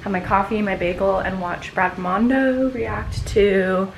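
A woman's voice: mid-range voice, steady tone, unhurried, gravelly, a little hiss or hum, poor audio. A young woman vlogging in a casual, chatty way, with lots of filler words. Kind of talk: casual vlog narration.

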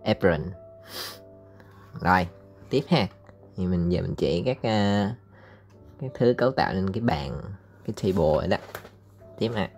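Male teacher with a Southern Vietnamese accent and a very low voice, chatty and halting, faint music underneath. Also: animated, darkish tone. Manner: chatty, hesitant with many fillers, drawls out English words slowly for repeating. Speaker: English teacher. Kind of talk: casual recorded lesson explaining slides.

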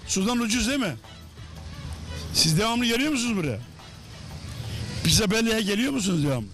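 A man's voice: high-pitched, sing-song, brisk, a bit bright, soft background music. A man hosting a promotional show, presenting enthusiastically and chattily, with emphatic repeated phrases. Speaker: host of a restaurant promotion show. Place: inside a restaurant.

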